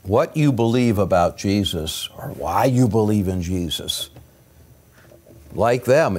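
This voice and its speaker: An older male pastor delivers a sermon at a deliberate, unhurried pace in a mid-range voice. He preaches earnestly, leaning into key words with rising emphasis and letting pauses sit. The sound comes through a pulpit microphone in a church sanctuary. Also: mid-range voice, darkish tone. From United States.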